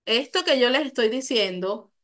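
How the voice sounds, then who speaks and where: A woman's voice: fairly high pitch, lively intonation, normal speed, fairly bright tone. A woman with a Venezuelan accent giving a live online talk, explaining patiently, repeating key phrases and asking her audience questions.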